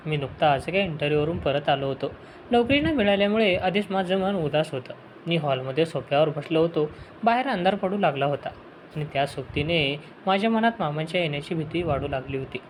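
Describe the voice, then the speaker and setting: Guy narrating an audiobook story in first person, even n earnest, slight hiss. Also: fairly high pitch, low-quality recording.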